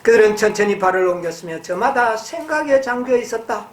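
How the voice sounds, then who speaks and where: A woman preaching a sermon. She reads passages slowly and then explains them, asking her listeners questions and answering them herself. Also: on the high side, lively intonation, reverberant, a little hiss or hum. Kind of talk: sermon with Bible reading.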